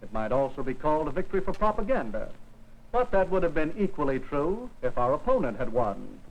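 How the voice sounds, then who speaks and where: A man speaking in a formal, measured way, explaining a topic in a vintage educational film. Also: a little high, very animated, rough recording.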